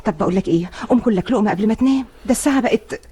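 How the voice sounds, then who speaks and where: A soothing Egyptian wife. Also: female voice, fairly high pitch, rapid-fire, warm tone, slightly rough. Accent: Egyptian Arabic. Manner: soothing, reassuring. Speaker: wife and mother. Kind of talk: film drama acting.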